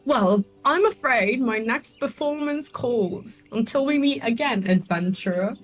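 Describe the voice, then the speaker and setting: A woman voicing a formal, poised stage performer in a video game, reading in a measured way. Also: a little high, soft background music, low-quality recording.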